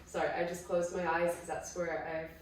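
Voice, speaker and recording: Croaky woman coaching exercise in an echoey room. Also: fairly low pitch, flat delivery, moderate pace, slight background noise. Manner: chatty, encouraging, self-correcting. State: croaky from illness. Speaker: pilates instructor. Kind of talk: guided exercise class. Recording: very echoey room, distant mic, faint ambience.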